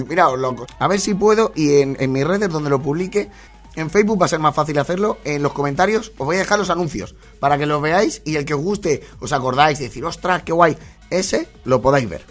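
A man's voice: a little high, expressive, fast talker, soft background music. A man with a Spain Spanish accent chatting casually to followers, laughing often and mimicking voices. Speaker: host.

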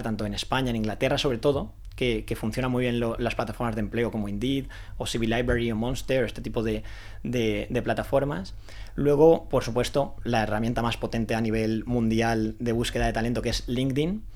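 This fast-talking man, founder of a recruitment consultancy in renewable energy, appears as a guest giving relaxed interview answers. His medium-pitched, darkish voice keeps restarting sentences and leaning on fillers.

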